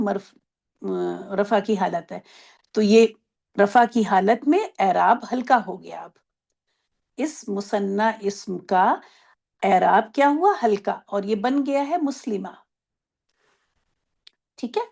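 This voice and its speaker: A woman teaching an online Arabic grammar class, explaining patiently, asking if everyone follows, and drawing out example words slowly. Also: a little high, gravelly, a little mellow. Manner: explains patiently, asks checking questions.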